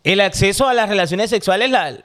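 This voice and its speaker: A man's voice: high voice, brisk, fairly bright tone. A man hosting a casual podcast, drawing out teasing questions to the group. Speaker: podcast host.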